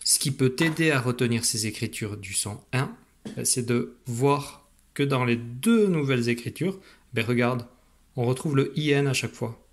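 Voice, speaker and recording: A man's voice: medium pitch, moderate pace. A man teaching a phonics lesson to a young child, patient and encouraging, speaking straight to the learner.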